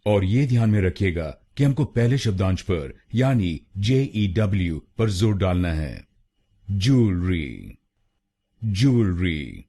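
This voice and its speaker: Slow, mellow-voiced man teaching pronunciation. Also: low voice, lively intonation. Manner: repeats each word and syllable twice, drawn out. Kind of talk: slow, syllable-by-syllable pronunciation lesson.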